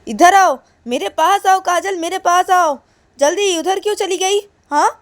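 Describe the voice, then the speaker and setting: A woman voicing a strict, angry mother who loudly orders her daughter to come to her. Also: medium pitch, moderate pace, creaky. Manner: loud demanding commands.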